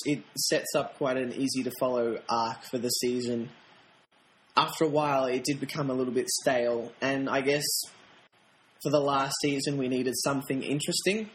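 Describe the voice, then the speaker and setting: A man co-hosting a podcast, chatting casually about a TV show in a wry, rambling way with frequent laughs. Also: a little high. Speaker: podcast co-host. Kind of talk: casual review chat. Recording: roomy echo, faint noise.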